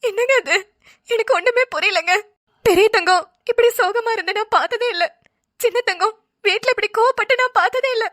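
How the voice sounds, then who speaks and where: Gentle, tearful mother in a cartoon; very high, dry and close. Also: fairly quick, no echo. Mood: tearful lament. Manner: soft, pleading, tearful. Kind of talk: cartoon voice acting.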